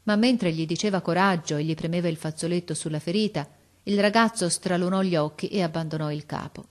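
Low-voiced woman reading a story. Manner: measured, expressive reading. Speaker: narrator. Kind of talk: storybook narration.

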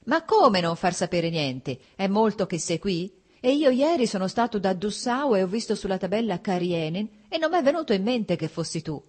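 A woman's voice: mid-range voice, big pitch swings, moderate pace, few pauses, a little mellow, husky, pitched above the performer's own voice. A woman reader voicing a cheerful, effusive middle-aged nobleman in an audiobook. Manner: effusive, insistent.

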